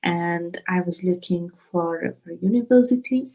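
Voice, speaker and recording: A Slovak woman in her thirties, an expat coach appearing as a guest, gives casual interview answers in English, hesitant, with many restarts and fillers, and laughs often. Her voice is lowish, and the call audio is muffled, slightly dull, and lo-fi.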